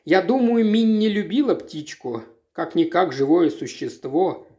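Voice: medium pitch, unhurried, mellow, close to an everyday voice. A reader voicing a bitter middle-aged farm wife in a read-aloud story. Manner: bitter, grave.

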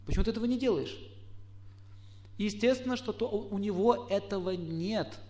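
A middle-aged man giving a lecture, putting questions to his listeners and acting out quoted spouses in lively asides. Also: sits high, moderate pace. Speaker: astrologer lecturer. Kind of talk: lecture to a live audience.

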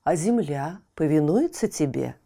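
Woman voicing a slow, solemn old storybook wizard. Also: low-pitched, lively intonation, gravelly, warm tone, voice pushed down, heavily acted. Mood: questioning. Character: old male wizard, grave, commanding teacher of animals. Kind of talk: storybook character voice.

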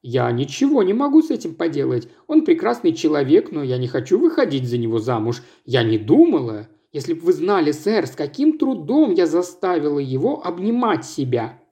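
Composed young woman, cold and calm, low-key mellow delivery from a male reader. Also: normal speed, hardly any pauses. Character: cool composed young woman, coldly dismissive.

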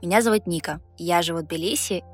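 A woman's voice: fairly low pitch, fast talker, breathy edge, soft background music. A woman around thirty co-hosting a podcast, talking reflectively and openly about her feelings in casual chat. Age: 30s. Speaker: podcast co-host.

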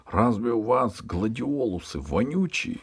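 A man's voice: medium pitch, lively intonation, a little slow, breathy edge, voice pushed up. A man voicing an eager, hot-headed boy who explains things earnestly.

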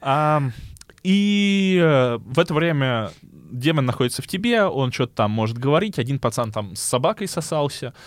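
Male podcast co-host, burred R, faint lisp, halting conversational delivery, close dry sound. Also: mid-range voice, lively intonation, no room sound. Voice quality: burred R (rhotacism); slight lisp. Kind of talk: casual podcast chat.

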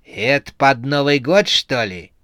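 A man's voice: medium pitch, animated, sharp tone, dry recording. Sneering scary snow-maiden girl drawling her words, as a guy reads her out, dry close sound. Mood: mocking. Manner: mocking, slow and drawn out.

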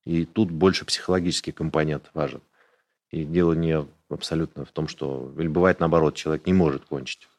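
A man with a very deep, low voice talks through medical details in a relaxed podcast chat. His manner is explanatory and matter-of-fact, plain and unembarrassed. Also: brisk. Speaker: urologist guest. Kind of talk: casual podcast conversation.

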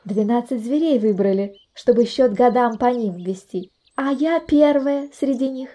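A woman's voice: on the high side, unhurried, mellow, close to an everyday voice. A woman voicing a sly, boastful little female mouse in a storybook reading.

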